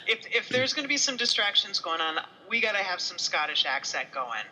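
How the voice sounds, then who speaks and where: A woman co-host with a very bright, tense voice that sits at an ordinary pitch. She rambles through her questions with plenty of fillers and pokes fun at herself. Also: big pitch swings, a little fast, rough recording. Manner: rambling, filler-heavy, self-deprecating. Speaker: podcast co-host and reviewer. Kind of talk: casual podcast chat.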